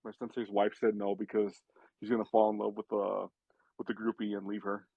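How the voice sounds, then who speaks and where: A man's voice: on the low side, little pitch movement, brisk, creaky, husky, dry recording. A man telling casual stories as a podcast guest, rambling with many restarts and filler words. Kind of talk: casual storytelling. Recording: tinny phone-like sound.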